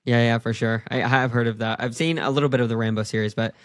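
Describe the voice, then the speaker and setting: A man's voice: mid-range voice, fairly even intonation, quick pace, dry recording, clean studio sound. A man hosting a podcast interview, chatting in a friendly, casual way with lots of fillers. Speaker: podcast host.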